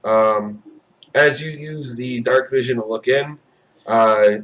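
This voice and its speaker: Casting note: an everyday male dungeon master, mid-range voice, casual and halting delivery. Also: mid-range voice, fairly bright tone. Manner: loose and halting, full of ums and uhs. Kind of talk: narrating a tabletop game.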